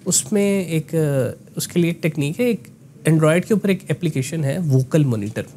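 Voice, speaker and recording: A man giving a conversational voice lesson with a slightly raised pitch. He explains step by step, dotting his sentences with tag words and English phrases. Faint noise sits behind him. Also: lively intonation, unhurried, warm tone. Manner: explanatory, mixes in English phrases, frequent "ना" tags. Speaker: voice coach.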